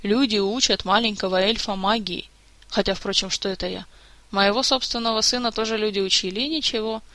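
Woman reading as a playful worldly elf man, bright tone, dry close sound. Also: medium pitch, fairly even intonation, fairly quick, no echo. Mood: amused. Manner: playful, mildly mocking. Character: cheerful adult male elf, teasing and worldly.

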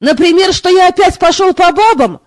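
A loud, scornful young knight growls and scolds in this audiobook scene, voiced by a woman reader in her own very high voice. The sound is dry and close, with no room around it. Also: animated, moderate pace, dry recording. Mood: scolding. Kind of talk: audiobook character reading.

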